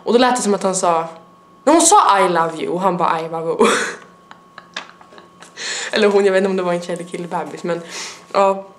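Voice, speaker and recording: A woman's voice: medium pitch, long pauses, slight background noise. A young adult woman with a stuffy nose, rambling in a casual vlog chat with lots of fillers. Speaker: vlogger.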